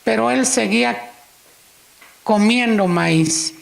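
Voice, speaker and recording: A woman's voice: fairly high pitch, takes it slowly, creaky. A woman preaching in church, unhurriedly telling a story and acting out its dialogue. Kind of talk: sermon storytelling.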